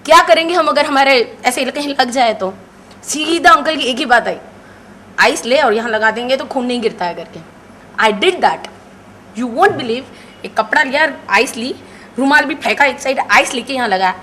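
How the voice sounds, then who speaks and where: Animated high-voiced woman telling a story. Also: a little hiss or hum. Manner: mixes English phrases into her story, acts out dialogue. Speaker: session participant sharing a testimonial.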